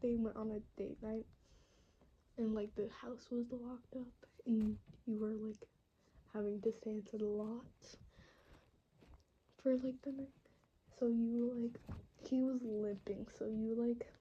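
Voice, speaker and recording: Slow, dark-toned woman rambling a role-play. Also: fairly high pitch, fairly even intonation, muffled recording, a little hiss or hum. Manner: rambling, full of "like" fillers, drifting in and out of whisper. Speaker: voice actor. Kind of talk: improvised listener role-play narration. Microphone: phone.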